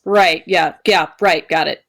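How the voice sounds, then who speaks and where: A woman plays along at a tabletop game in a slow, hesitant manner. Her voice sits low. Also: fairly even intonation, fairly bright tone, a little hiss or hum. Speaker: player. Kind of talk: casual tabletop game play.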